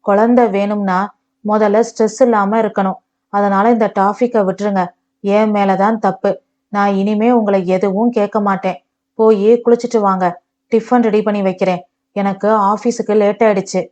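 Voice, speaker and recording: A woman voicing a patient young wife who speaks calmly and soothingly. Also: medium pitch, normal speed, highs cut off, natural voice. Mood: pleading. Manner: calm, soothing, pleading.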